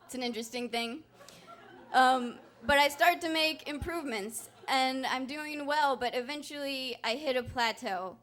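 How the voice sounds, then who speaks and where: A young woman with a somewhat high voice tells a personal story live on stage. She is candid and wry, pokes fun at herself, and keeps a conversational storyteller's flow. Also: moderate pace, a bit bright. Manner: candid, wry and self-mocking.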